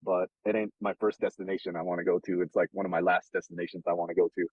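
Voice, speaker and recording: A man's voice: low voice, flat delivery, fast, breathy edge, no echo, muffled recording. A man hosting a casual advice chat, blunt, profane and streetwise, talking from a car. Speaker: host giving dating advice.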